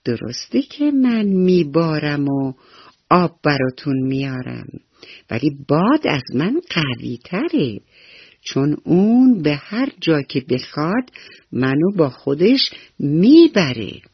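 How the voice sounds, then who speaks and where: A woman voicing a gentle, calm cloud in a children's radio story, who explains things patiently. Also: sits low, slightly rough, no echo, exaggerated voice. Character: calm, boastful but honest cloud. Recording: slightly dull radio recording with soft music.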